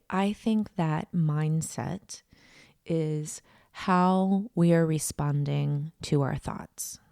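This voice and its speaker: Gravelly, mellow-voiced woman podcast host. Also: on the low side, no echo, studio quality. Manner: earnest, unhurried, thinking aloud with fillers. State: morning voice, not yet warmed up. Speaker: podcast host and inner voice coach. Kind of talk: reflective solo podcast talk.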